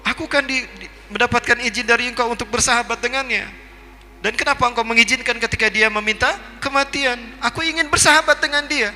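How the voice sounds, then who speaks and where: A man voicing a gentle, friendly male angel of death with an earnest, pleading manner. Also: very high voice, fast talker, big-room sound, soft background music, pitched above the performer's own voice, heavily acted.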